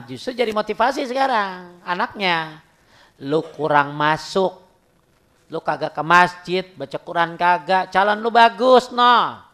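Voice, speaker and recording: A man giving an informal sermon, telling stories and acting out dialogues. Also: fairly high pitch. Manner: lively storytelling, acts out dialogues. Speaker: preacher.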